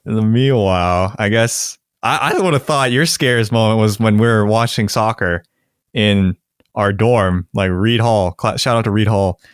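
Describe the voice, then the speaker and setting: A man's voice: on the low side, normal speed, clear, resonant tone, dry recording, studio quality. A young man co-hosting a podcast, telling stories in casual chat and laughing often. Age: young adult. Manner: laughs often, animated storytelling. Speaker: podcast co-host.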